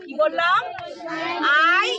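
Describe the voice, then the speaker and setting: A woman's voice: extremely high pitch, slow, muffled recording, over a noisy crowd. A woman teaching a classroom phonics lesson, quizzing the children with repeated questions and prompts.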